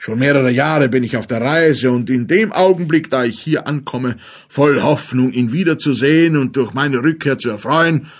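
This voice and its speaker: A man's voice: mid-range voice, moderate pace, close to an everyday voice. A man voicing a scheming sorcerer who fakes tearful grief and poses as a long-lost uncle, speaking in a theatrical, fawning way. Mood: tearful, coaxing.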